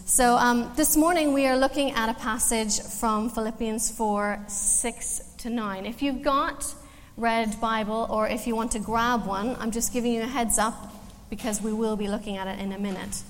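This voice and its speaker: A woman's voice: fairly high pitch, steady tone, moderate pace, few pauses. A woman in her forties from Canada, with a Canadian accent touched by an Irish twang, giving a casual, self-deprecating church talk full of ums. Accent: Canadian with a slight Irish twang. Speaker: guest speaker at church, counselor. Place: church hall. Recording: echoey church hall with faint noise.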